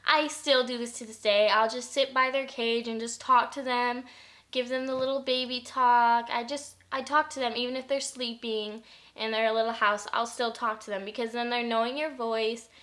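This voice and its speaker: A woman's voice: on the high side, fairly even intonation, moderate pace, a bit bright. A young woman giving casual pet-care tips in a chatty vlog, full of fillers. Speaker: pet vlogger.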